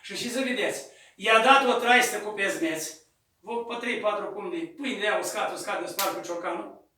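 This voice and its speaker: Male priest, high bright voice, storytelling sermon, roomy echo, mic off at a distance. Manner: acts out voices in the story, shouting at peaks. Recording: echoey room, distant mic.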